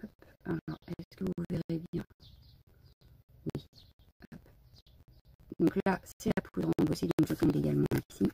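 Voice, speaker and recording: A woman's voice: sits low, fairly even intonation, normal speed, creaky, pauses often, mellow, a little hiss or hum. A woman hosting a casual live crafting stream from home, chatty and a bit scattered, greeting viewers as she shows her supplies. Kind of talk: casual live unboxing chat.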